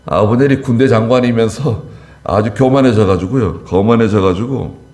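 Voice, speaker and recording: A man's voice: fairly low pitch, normal speed, darkish tone. A man pastor preaching an expository sermon. He talks conversationally, drops in small asides, and acts out the quarrels in his story with raised, scolding lines. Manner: retells scripture by acting out the quarrels in a raised voice. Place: church.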